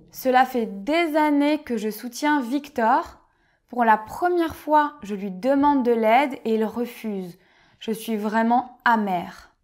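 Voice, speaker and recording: Woman, French teacher, slow careful delivery, fairly high voice, vocabulary lesson. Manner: reads each word carefully, then short example sentences. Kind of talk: slow, clearly spoken vocabulary lesson with example sentences.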